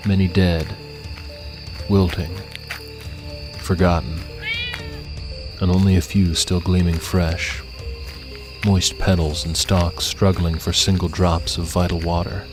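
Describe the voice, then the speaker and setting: A man with a low voice narrates scripted fiction as an audiobook reader, telling the story in a measured, suspenseful way.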